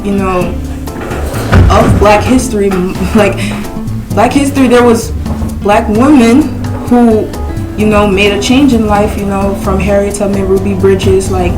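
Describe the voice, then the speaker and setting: A teenage girl, student host, talking casually and haltingly. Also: medium pitch, fairly even intonation, over music. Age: teens. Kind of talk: casual panel talk.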